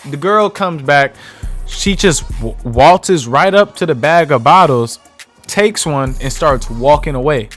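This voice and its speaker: A man's voice: on the high side, expressive, measured pace, a bit bright, faint music behind. A young man telling a heated, profane storytime about his own night out. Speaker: vlogger. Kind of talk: casual storytime.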